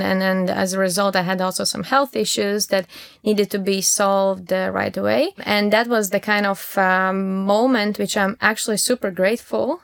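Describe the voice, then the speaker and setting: A woman in her thirties from Latvia with a Latvian accent, a startup founder answering interview questions haltingly, with many restarts and fillers. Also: medium pitch, vocal fry, a bit bright, clean tone, no echo, studio quality. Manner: halting, many repeated words and fillers, laughs often.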